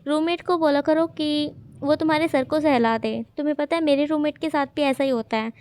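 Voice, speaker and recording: A woman's voice: sits high, steady tone, a little fast, a little mellow, close to an everyday voice. A woman voicing a playful young man who talks in a teasing, bantering way.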